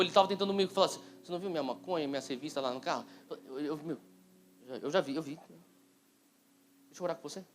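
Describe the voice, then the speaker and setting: A man from Brazil preaches to a conference crowd, his voice sitting a little high. He tells his story with energy, acting out the voices and bursting into loud exclamations. Guitar music plays clearly under his words. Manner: animated, acts out dialogue, rises to loud exclamations. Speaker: pastor. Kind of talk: sermon with storytelling. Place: conference hall. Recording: live event with guitar music behind.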